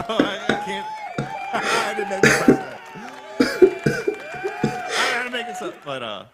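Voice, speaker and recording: A man's voice: very high voice, echoey room. A jokey man in casual podcast chat, stammering and rambling, with a heavily compressed, noise-gated voice. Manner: rambling, stammering with repeated word starts; jokey, often laughing.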